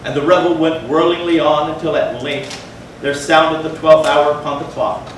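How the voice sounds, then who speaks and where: Performing live in a big reverberant hall, a man reads a gothic story as readers theatre, pacing it theatrically and pausing with intent. His pitch is fairly high and his intonation fairly even, while the distant recording carries a lot of echo and clear noise.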